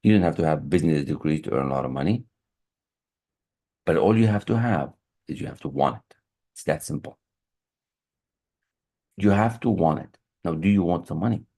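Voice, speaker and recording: Recorded through a computer mic on a video call in an online meeting room, a high performance coach gives an earnest motivational lesson. His rumbling low, mellow voice carries vocal fry and is expressive at a moderate pace with long pauses; he repeats key phrases and restarts his sentences.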